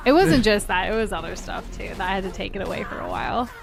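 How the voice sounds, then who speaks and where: A woman's voice: medium pitch, lively intonation, fast, vocal fry. A woman with a playful, giggly manner, chatting casually and reading viewer comments as co-host of a game livestream. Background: music.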